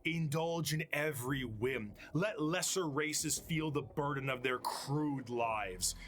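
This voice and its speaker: A man's voice: a little high, slow, a bit bright. A man voicing a boastful god of excess. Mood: tempting, grandiose.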